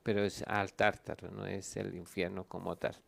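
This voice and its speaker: A man's voice: low voice, flat delivery, vocal fry. A man, a pastor, answering Bible questions and reading scripture aloud, stopping to look up verses. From Colombia. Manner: explains at length, reads scripture aloud, pauses to look up verses. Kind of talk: Bible teaching Q&A.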